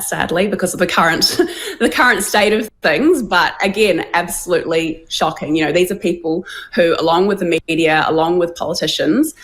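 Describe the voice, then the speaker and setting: A woman from New Zealand, a guest speaking by video link in an interview, earnest and measured with frequent fillers. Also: fairly low pitch, a bit bright. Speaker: guest, women's advocacy CEO. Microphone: video call.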